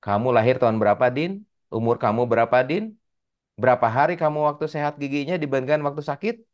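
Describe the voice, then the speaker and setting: A man's voice: mid-range voice, fast talker, lo-fi sound, natural voice. Man playing a coaxing, questioning religious teacher.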